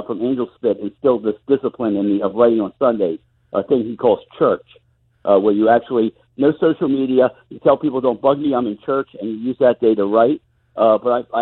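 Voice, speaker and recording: Wry husky man over a phone line. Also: mid-range voice. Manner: wry, gloomy, self-mocking. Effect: heard over the phone. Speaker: guest musician. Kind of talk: casual phone interview. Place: at home. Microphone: phone, later on speakerphone. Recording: tinny muffled phone line.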